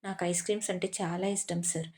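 A woman voicing a timid, playful young woman who speaks softly and meekly in an audio story. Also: on the low side, steady tone, fast, natural voice. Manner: soft, meek.

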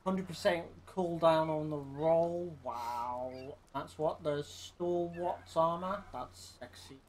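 A woman's voice: deep voice, slow, a little mellow, slight background noise. A woman hosting a casual gaming video, chatting and trading jokey, teasing banter with her co-player. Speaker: gaming channel host. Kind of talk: casual gameplay commentary.

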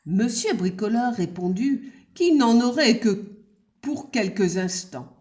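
A woman reading a children's story aloud in a gentle, unhurried way. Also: a little high, lively intonation.

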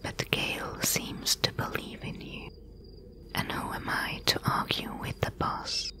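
A woman voicing a wry, bossy thief mentor in a breathy, hushed whispered role-play, giving instructions. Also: a little slow, lightly acted. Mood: hushed, businesslike.

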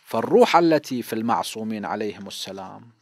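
A man's voice: lowish voice, expressive, fast talker, dry recording. A man in his fifties with an Iraqi Arabic accent, a cleric giving a seminary lesson on hadith, explaining patiently and posing questions he then answers himself. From Iraq. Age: 50s.

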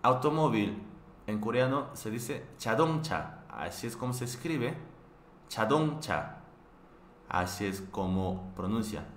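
A man's voice: medium pitch, lively intonation. A man from Korea, teaching a live online language class, patiently repeating words with frequent restarts and fillers. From South Korea. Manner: patient, repeats each word slowly several times. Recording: echoey room with faint background noise.

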